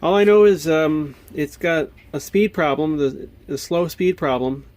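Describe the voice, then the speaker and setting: At an indoor home workbench, an American hobbyist video maker talks unhurriedly in a slightly high voice with a darkish tone and no room sound. His casual show-and-tell is delivered as hesitant, perplexed thinking aloud.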